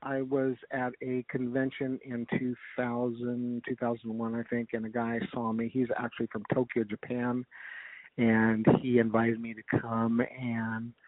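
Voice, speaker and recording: A man's voice: mid-range voice, completely flat delivery, a little slow, no echo. A middle-aged man with an American accent speaks as a guest in a casual interview. His recollections ramble and halt as he searches for details. The sound is dry and slightly band-limited, like a phone call. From United States. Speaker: guest, comedic ventriloquist. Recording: narrow, dull radio-like phone line.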